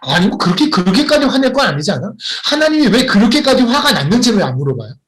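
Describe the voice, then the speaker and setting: A man's voice: sits high, very animated, fast, fairly bright tone. A man preaching a sermon as a missionary, telling a personal story and asking emphatic questions.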